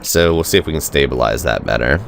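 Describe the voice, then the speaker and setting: Stuffed up from a cold, this man's very deep, gravelly voice comes out congested and nasal as he rambles through a let's play for his gaming channel, thinking aloud with plenty of fillers at a quick pace. A little hiss or hum is audible.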